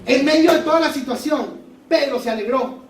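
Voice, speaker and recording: A man's voice: very high voice, normal speed, a little hiss or hum. A man preaching a fervent sermon, repeating phrases for emphasis, in a church hall. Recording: echoey church hall, mic far off.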